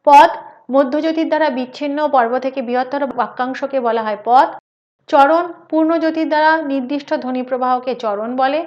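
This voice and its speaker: A woman lecturer reading out a scripted educational lecture, measured and careful as she reads each definition aloud. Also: high-pitched, dull audio. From West Bengal, India.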